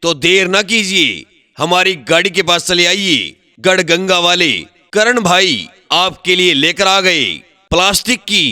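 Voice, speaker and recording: A high, bright male voice calls out a vendor's offer in a sing-song hawker's style. He speaks slowly and drawn out, repeating each slogan. The recording is dry and close. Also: smooth, no room sound. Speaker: street vendor announcer. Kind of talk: recorded loudspeaker sales pitch.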